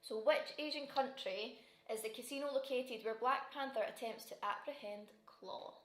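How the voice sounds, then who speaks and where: A Scottish woman with a fairly high voice hosts a relaxed quiz, reading the questions aloud and giggling between them. The sound is roomy and echoey. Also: moderate pace. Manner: giggly, chatty, reads questions twice. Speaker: quiz host. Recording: roomy echo.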